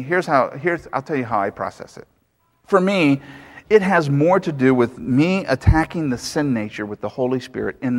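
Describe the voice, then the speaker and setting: A man preaching a sermon as pastor, emphatic and full of rhetorical questions. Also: medium pitch. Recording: long hall reverb.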